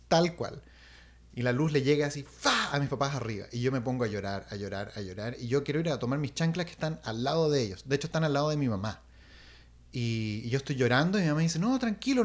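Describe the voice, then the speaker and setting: A young man telling a personal story in casual chat, animated and acting out sounds. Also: mid-range voice. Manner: animated, acts out voices and sounds, restarts.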